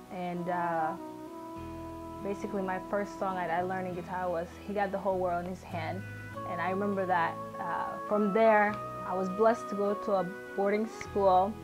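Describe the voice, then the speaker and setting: A young South Sudanese woman, a guest musician, shares her personal story casually and earnestly, chatting with fillers and restarts. Her voice sits mid-range, and the recording is rough.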